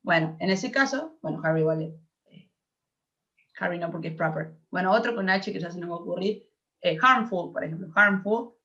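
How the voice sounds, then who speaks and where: A woman's voice: fairly low pitch, moderate pace, sharp tone. A young woman with an Argentine accent teaching an English grammar class, explaining patiently and checking that her students follow. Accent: Argentine Spanish. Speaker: English tutor. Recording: dull lo-fi audio.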